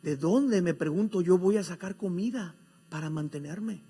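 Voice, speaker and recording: Preacher playing an anxious young son, quiet, fretful. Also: male voice, sits high, moderate pace, breathy edge. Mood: worried.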